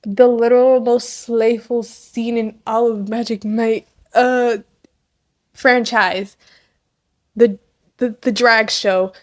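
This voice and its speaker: A woman giving casual, gushing movie commentary, excitable and full of slang, laughing often. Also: fairly high pitch, takes it slowly, no echo, studio quality. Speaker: commentary host.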